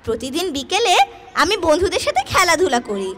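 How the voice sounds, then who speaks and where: A woman's voice: very high-pitched, big pitch swings, brisk, faint music behind, a faint crowd. A woman voicing a well-behaved, sensible child puppet who earnestly explains and gives advice in a children's show. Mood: advising. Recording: very noisy puppet show recording.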